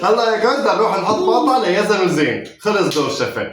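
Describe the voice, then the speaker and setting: Playful dad in an echoey room. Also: male voice, sits high, big pitch swings, very fast, fairly bright tone, distant mic. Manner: playful, teasing, laughs often. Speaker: father hosting a family reaction game. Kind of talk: casual family chat during a no-laughing challenge. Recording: very echoey room, voice off-mic, faint noise.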